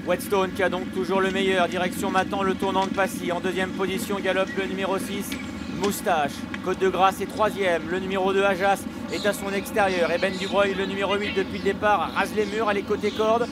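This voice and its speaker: High-pitched male horse race caller. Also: flat delivery, fairly quick, very noisy. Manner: race-calling delivery, listing horses by number and position in a continuous flow. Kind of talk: live race caller commentary on a steeplechase.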